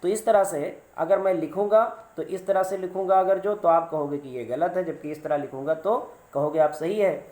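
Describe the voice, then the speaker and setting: A man's voice: a little high, normal speed, hardly any pauses, a little mellow. Patient male grammar teacher, echoey room. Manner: patient, repeats examples and asks rhetorical questions. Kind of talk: grammar lesson video. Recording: roomy echo.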